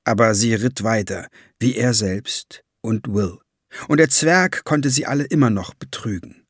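A man reading a fantasy novel aloud as audiobook narration, measured and steady. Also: lowish voice, slightly rough, no room sound, clean studio sound. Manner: measured storytelling.

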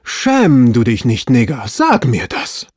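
A man voicing an awestruck male servant who slowly exclaims, half talking to himself, in a story reading. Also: mid-range voice, wildly swooping pitch, darkish tone, slightly rough, no echo, studio quality, heavily acted. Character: awestruck male servant, sighing, moved to tears.

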